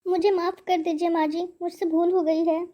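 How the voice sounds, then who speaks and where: A woman's voice: extremely high pitch, flat delivery, normal speed, dark tone, dull audio, a little hiss or hum. A woman voicing a rude, lazy young daughter-in-law in a cartoon story, snapping dismissively. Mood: apologetic.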